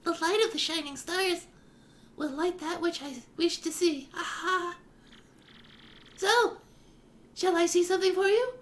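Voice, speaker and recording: A man's voice: very high voice, unhurried, long pauses, a bit bright, a little hiss or hum, voice pushed up. A man voicing a lovely female fortune teller with mystical, theatrical patter, reading game dialogue. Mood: mystical, inviting.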